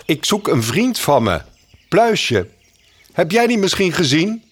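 A man voicing a cheeky male mockingbird in a children's audio story, with a high, teasing voice. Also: big pitch swings, slow, breathy edge, heavily acted.

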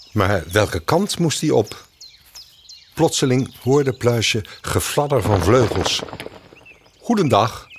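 A man narrating a children's story in a calm, expressive scripted style. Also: deep voice, a little hiss or hum.

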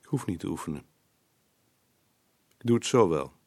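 A gruff, short-tempered husband. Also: male voice, low-pitched, lively intonation, moderate pace, no room sound. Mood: irritable. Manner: gruff, irritable. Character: grumpy middle-aged husband, short-tempered. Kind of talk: film drama dialogue.

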